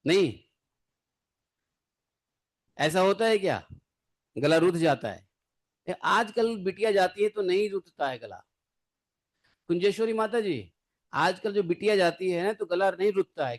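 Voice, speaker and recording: A man giving a devotional scripture lecture in a conversational way, asking his class rhetorical questions and adding playful asides. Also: high-pitched.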